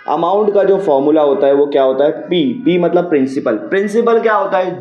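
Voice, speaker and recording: A man teaching a maths lesson, patiently working through a problem step by step, often asking a question and answering it himself. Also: a little high. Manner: patient, repeats key steps, asks and answers own questions. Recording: roomy, dull lo-fi sound.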